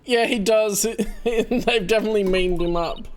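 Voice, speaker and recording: A woman giving casual, joking commentary as she plays through a video game, quick to laugh. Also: mid-range voice.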